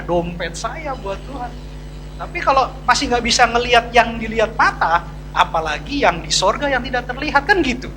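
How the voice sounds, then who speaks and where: A man's voice: very high-pitched, noisy background. A man, a pastor, preaching a sermon to a church congregation in a chatty, confiding way with slangy asides. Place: church service.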